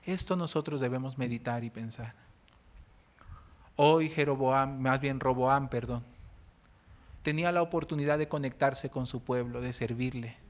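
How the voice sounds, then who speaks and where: A man with a Mexican Spanish accent preaching a sermon, telling stories and moving between loud outbursts and soft, low speech. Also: moderate pace, long pauses. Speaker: pastor. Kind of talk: sermon with storytelling. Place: church.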